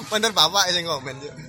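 A young man, joking and laughing in casual banter as co-host. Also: on the high side. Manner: joking, rowdy, laughs often. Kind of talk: casual banter over social media posts. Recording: music playing behind.

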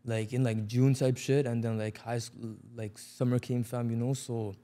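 A man's voice: medium pitch, level tone, normal speed, dark tone. A young man with an urban Toronto accent chatting casually in heavy slang, repeating himself for emphasis. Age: young adult. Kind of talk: casual chat.

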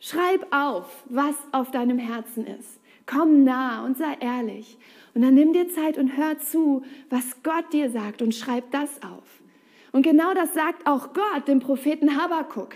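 Eine Frau, die ernst, direkt und im Gesprächston predigt. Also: female voice, sits high, measured pace, a little mellow. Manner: earnest, direct, conversational. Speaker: preacher. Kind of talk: sermon.

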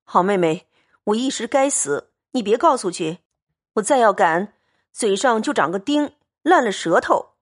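A playful young nobleman who teases and then begs forgiveness, acted by a woman reader. The lines come unhurried, with a lively rise and fall. It has the feel of a storybook reading of a classic tale. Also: medium pitch. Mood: pleading. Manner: teasing, then pleading.

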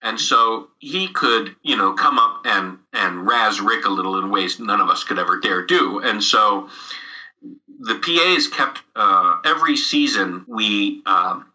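A middle-aged man with a very bright, forward voice tells a story in an easy, conversational way. He chuckles between phrases and restarts his sentences as he goes. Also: on the low side, measured pace, poor audio. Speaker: guest telling stories. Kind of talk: casual anecdote telling.

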